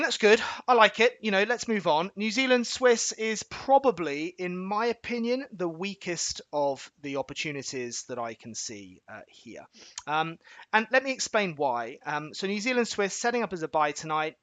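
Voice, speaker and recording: A man hosting a live trading webinar, talking quickly and chattily as he walks viewers through charts step by step, stopping to check they are following and reaching for homely analogies. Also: fairly high pitch, fairly bright tone, no echo. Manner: folksy analogies and filler-laden restarts. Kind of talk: live educational chart walkthrough.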